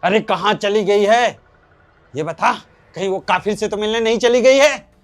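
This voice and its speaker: An actor playing a hardline cleric father who rants and schemes, with forceful preachy delivery. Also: sits high, normal speed, close to an everyday voice. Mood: furious. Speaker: actor in a short drama. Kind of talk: Hindi short-film acting.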